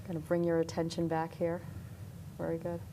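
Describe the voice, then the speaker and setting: Woman, lowish voice, hypnotist, calm monotone delivery, faint room hiss. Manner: slow soothing even monotone guiding voice. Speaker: hypnotherapist guest. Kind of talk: guided visualization then casual chat. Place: TV studio.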